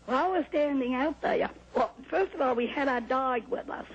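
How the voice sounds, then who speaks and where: An older woman from New Hampshire calmly recounting a personal experience in an interview, heard on an old VHS tape. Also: high voice, normal speed, lo-fi sound, a little hiss or hum. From New Hampshire, USA. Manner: calm, plain storytelling with small laughs and restarts. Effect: old VHS tape sound. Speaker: interview guest.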